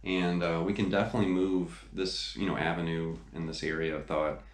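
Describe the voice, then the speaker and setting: A middle-aged guitar teacher talks in a low, flat, brisk voice, giving a relaxed, conversational lesson. He's in a small home studio room, and the recording sounds roomy, with loud electric guitar playing in the background.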